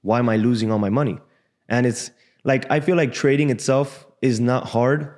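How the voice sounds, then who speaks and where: A man in his twenties, born in Cuba and raised in Miami, speaking as a guest in a casual, frank interview in a podcast studio on a boom mic. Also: moderate pace. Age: 20s. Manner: relaxed, frank, casual slang. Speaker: guest trader. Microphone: desk boom mic.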